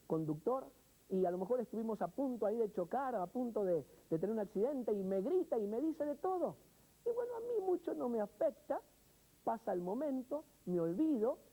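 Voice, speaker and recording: A man's voice: high-pitched, warm tone, husky, poor audio. A male pastor preaching a sermon, speaking expressively, asking the listener questions and telling everyday stories. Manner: storytelling with everyday examples.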